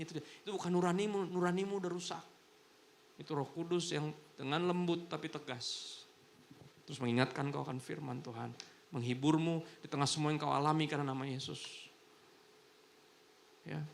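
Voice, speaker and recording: A man's voice: mid-range voice, vocal fry, slight background noise. A man preaching a sermon as pastor, telling stories casually and acting out the voices of the people in them. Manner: chatty and animated, acts out quoted voices. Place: church service in a hotel ballroom.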